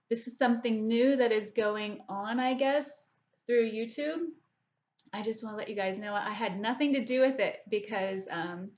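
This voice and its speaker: Rambling woman in her 40s, lo-fi audio. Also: medium pitch. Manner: rambling, chatty, with frequent restarts and fillers. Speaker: book vlogger. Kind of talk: casual chat to camera. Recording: slightly dull lo-fi audio.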